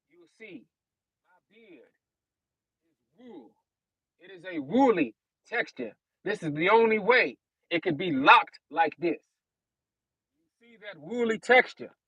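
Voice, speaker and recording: A man's voice: high-pitched, sharp tone, slightly rough, no echo, lo-fi sound. Young man, live-stream street preacher, dry close sound, reads scripture then riffs on it, talks straight to the audience. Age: young adult. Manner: reads verses aloud, then expounds and addresses listeners as y'all. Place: outdoors.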